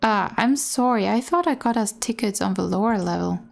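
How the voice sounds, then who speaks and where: A woman's voice: medium pitch, animated, moderate pace, gravelly. A woman gaming streamer reading game dialogue aloud with casual, candid asides, sometimes stumbling over the words. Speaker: gaming streamer doing a let's play.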